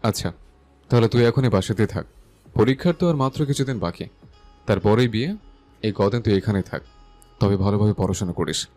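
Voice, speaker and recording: Man voicing a bossy doting young lover, teasing, low voice, soft background music. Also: brisk, pauses often, natural voice. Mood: caring. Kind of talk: audio love story acting.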